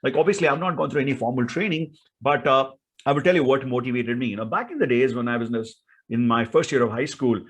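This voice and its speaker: A man with an Indian accent, medium-pitched and slightly rough, speaks fast as a speaking coach giving instruction. His style is emphatic and theatrical, packed with rhetorical questions.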